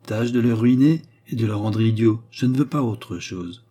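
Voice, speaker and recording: A man's voice: lowish voice, moderate pace, mellow, close to an everyday voice. A man doing a sly mocking baronet. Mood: scheming. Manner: smooth, teasing, coldly calculating. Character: scheming mocking male baronet, around thirty. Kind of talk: audiobook character reading.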